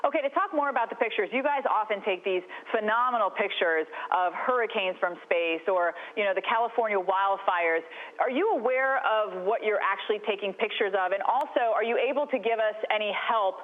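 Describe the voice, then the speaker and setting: A woman's voice: mid-range voice, fairly quick. A woman working as a TV interviewer, asking questions in a casual conversational style over a phone-like link. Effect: phone or radio link. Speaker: TV weather channel interviewer. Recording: tinny narrow phone-like line.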